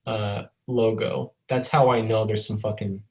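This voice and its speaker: A man's voice: on the low side, steady tone, unhurried, a little mellow, rough recording. A man co-hosting a podcast in casual chat, rambling and swearing as he jokes, speaking over a video call. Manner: rambling, profane and joking. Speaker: podcast co-host. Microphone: video call over a mobile hotspot.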